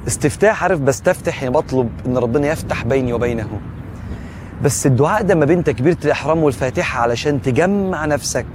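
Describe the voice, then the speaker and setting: A man's voice: fairly high pitch, racing, noisy background. A man with an Egyptian accent giving a reflective religious talk, earnest and asking the listener questions directly. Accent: Egyptian Arabic. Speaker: Islamic preacher.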